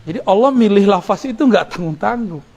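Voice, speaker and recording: A man preaching a study sermon in a relaxed, joking way, quoting Arabic verses and chuckling between points. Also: high-pitched, fairly quick, muffled recording. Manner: casual, joking asides, chuckles; quotes Arabic verses with religious terms.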